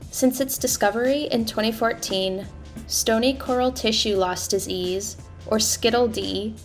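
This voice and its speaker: A woman hosting a podcast, reading a scripted opening and then putting questions to her guests. She keeps a clear, measured delivery at a mid pitch, with soft music faintly underneath. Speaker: podcast host. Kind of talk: scripted narration and interview questions.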